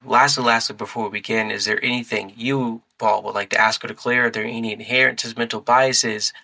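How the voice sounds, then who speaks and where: A man's voice: medium pitch, fairly even intonation, brisk, gravelly, pushed and bright, low-quality recording. A man hosting a casual podcast chat, laid-back and chuckling as he asks questions. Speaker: podcast host.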